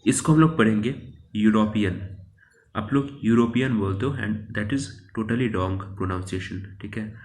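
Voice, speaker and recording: A man's voice: on the low side, a little slow, hardly any pauses, darkish tone. A male teacher explaining English articles and pronunciation, repeating words and asking the viewer questions. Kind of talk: classroom grammar lesson.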